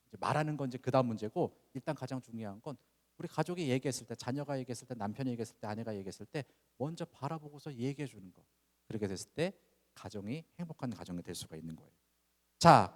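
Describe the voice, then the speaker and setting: A male pastor preaching in an informal, conversational way, his pitch rising and falling a lot. He keeps asking the congregation rhetorical questions. His voice carries a long reverb from the church sanctuary. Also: a little mellow. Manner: acts out parent-child dialogue examples. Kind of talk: sermon.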